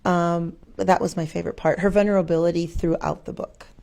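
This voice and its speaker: A schoolteacher answers questions as an interview guest, her voice on the low side and fairly quick. She's conversational, reflective and expressive, recounting her own thoughts in quotes and asking rhetorical questions.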